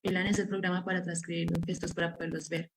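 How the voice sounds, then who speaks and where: A woman's voice: lowish voice, flat delivery, fast, rough recording. Woman explaining her research method. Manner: explanatory, walks through steps with frequent "pues" fillers. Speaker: researcher presenting her study. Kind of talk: academic seminar presentation.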